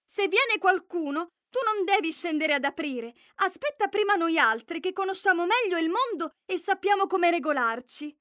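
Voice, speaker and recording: A woman's voice: very high voice, lively intonation, normal speed, few pauses, bright, forceful tone, dry recording, studio quality, voice pushed up, full character voice. A woman voicing a group of small, protective male dwarves who talk in a fussy, pleading way. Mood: warning.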